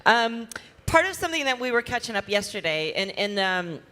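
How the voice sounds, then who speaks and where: A woman moderating a conference panel on stage, chatty and energetic, with many fillers. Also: medium pitch, fairly quick. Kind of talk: live conference panel talk. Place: large conference hall. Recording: reverberant hall.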